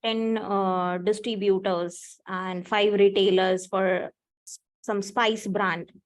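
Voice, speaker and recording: A woman with an Indian accent puts questions to a presenter in an informal discussion. Her voice is at a medium female pitch. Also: little pitch movement, takes it slowly. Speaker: audience participant asking questions.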